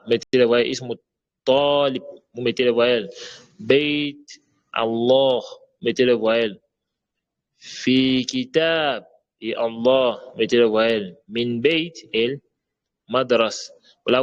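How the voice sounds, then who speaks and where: Slow-talking male Arabic teacher. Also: mid-range voice, muffled recording. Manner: slow, drills Arabic words, repeats "d'accord?". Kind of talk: Arabic grammar lesson in French.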